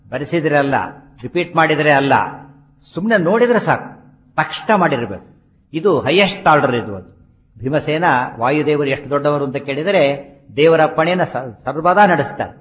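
Man giving a scripture discourse. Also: fairly high pitch. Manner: explanatory, chants Sanskrit verses slowly, rhetorical questions. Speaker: religious speaker. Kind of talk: Kannada religious discourse on scripture.

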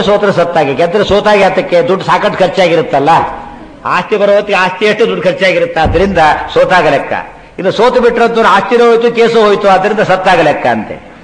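Man, fairly high voice, religious discourse, chants verses slowly, roomy hall reverb. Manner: chants Sanskrit verses slowly between animated storytelling. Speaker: religious lecturer. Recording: echoey hall with long reverb.

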